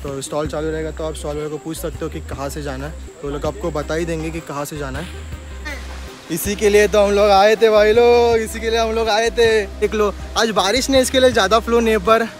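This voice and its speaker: A young man with a high voice talks a little fast, vlogging casually as he walks a forest trail near a waterfall. The travel vlogger, from Maharashtra, India, addresses his viewers directly through a handheld phone camera. Background music plays throughout.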